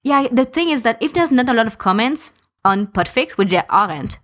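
Animated and a bit bright, this high-leaning female voice moves a little fast. She is a fan podficker giving opinions on a casual podcast, illustrating them with lists of examples over dull lo-fi audio.

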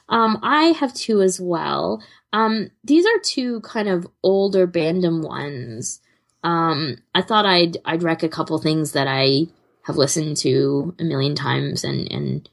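A woman with a lowish, creaky voice co-hosts a podcast. She chats casually and offers recommendations in a loose, rambling, giggly manner.

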